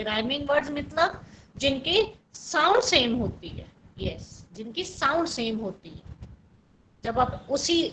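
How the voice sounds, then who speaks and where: A woman with an Indian English accent leads an online class for young students, patiently explaining word meanings and spelling them letter by letter. Her voice sits high, and her English comes out slow and deliberate, with steady praise between answers. A faint noise hums under the recording. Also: poor audio. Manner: patient, encouraging, repeats praise and spells words out. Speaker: school English teacher.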